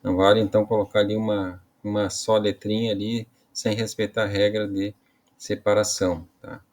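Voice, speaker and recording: A man's voice: on the low side, level tone, darkish tone. A man teaching an online Portuguese grammar lesson, explaining casually, often ending phrases with tag questions and restarting mid-sentence. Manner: casual explaining with frequent "né" and "tá" tags; halting restarts while explaining.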